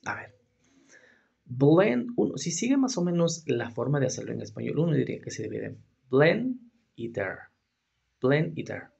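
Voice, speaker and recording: A man walks through a grammar lesson, posing rhetorical questions and checking in with his students as he goes. His voice is very husky and heavily gravelly, sitting at a middle pitch. He is a native Spanish speaker teaching English. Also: big pitch swings, a little fast, a little mellow, dull audio.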